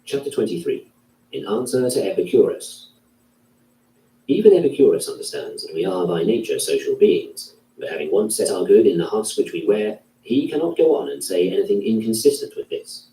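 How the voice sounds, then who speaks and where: Male reader, dark mellow tone, measured delivery, distant echoey recording. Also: on the low side, sing-song. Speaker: narrator. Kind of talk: reading a classic philosophy text aloud. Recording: roomy, distant from the mic.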